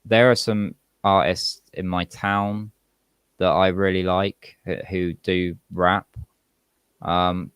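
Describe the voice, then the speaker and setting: A man from England, a rapper appearing as a podcast guest, chats casually and reflectively in an interview. He has a low, clean voice with a British accent carrying a slight American twang, and there's no echo.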